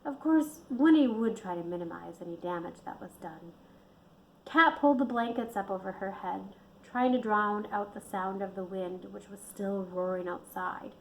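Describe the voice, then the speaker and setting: A woman reading her own book aloud in a steady storytelling manner. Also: mid-range voice, normal speed, a little hiss or hum, low-quality recording. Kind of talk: audiobook narration.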